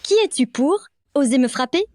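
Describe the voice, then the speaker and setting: A bratty high-voiced young fake boss's wife, all contempt, sneering at everyone. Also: female voice, expressive, normal speed, darkish tone, a little hiss or hum. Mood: scornful. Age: young adult. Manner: contemptuous, shrill. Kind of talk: French drama dubbing.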